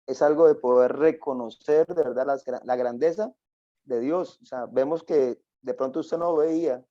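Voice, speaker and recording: A man's voice: medium pitch, moderate pace, dry recording. A co-host giving grateful, reflective closing comments and repeating phrases as he goes. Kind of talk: closing comments on a talk show. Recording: dull, lo-fi, dry sound.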